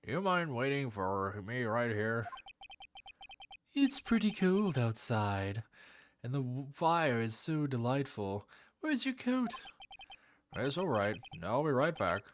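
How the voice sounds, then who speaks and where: A man voicing a generic older male circus ringmaster in a low, gruff, hurried way. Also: very animated, slight background noise. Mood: fretful.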